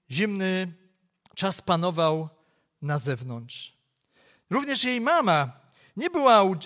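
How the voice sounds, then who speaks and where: High-voiced man telling a sermon story. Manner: expressive storytelling, shifting pace. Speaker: preacher. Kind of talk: Christmas sermon with a told story.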